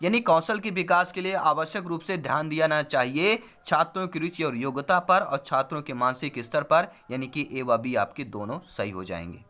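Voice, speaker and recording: A man with a bright, fairly high voice talks through exam questions like a teacher. He walks through each answer step by step and repeats the key phrases. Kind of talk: exam-prep lesson.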